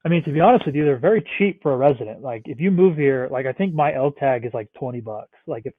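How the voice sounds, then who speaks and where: With lively intonation and a quick pace, this medium-pitched man, around thirty and from the Northeastern US, rambles as a podcast guest. His casual interview chat is loaded with "like" and free swearing. It's captured over a tinny, phone-like remote line, dry with no echo.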